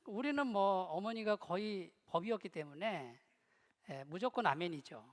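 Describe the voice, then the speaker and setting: A man's voice: high voice, expressive, moderate pace, a little hiss or hum. A middle-aged man preaching a sermon in a church hall, telling stories with humor and joking with the congregation. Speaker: pastor.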